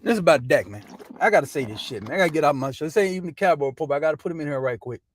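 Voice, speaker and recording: Profane fast-ranting male sports host. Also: a little high, animated, slight background noise. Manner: loose, profane, says "man" constantly. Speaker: sports talk show host. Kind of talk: casual sports rant.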